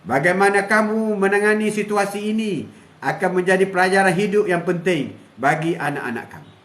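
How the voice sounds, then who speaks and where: A man's voice: high-pitched, fairly quick, a bit bright. An older man, hosting a live stream and giving a preachy, repetitive moral talk, chuckling often. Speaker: host. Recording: echoey room.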